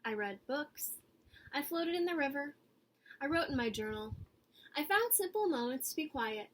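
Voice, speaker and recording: A woman voices a high, earnest good egg in a picture-book read-aloud. The character is eager yet weary as it tells its story, and her calm, expressive delivery uses dramatic pauses and emphasis.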